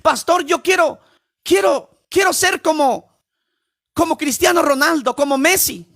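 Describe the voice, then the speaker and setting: A man's voice: very high-pitched, a little slow, gravelly, fairly bright tone, pitched above the performer's own voice, exaggerated voice. A male preacher voicing a starstruck young man who pleads to dress and look like famous idols. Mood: eager.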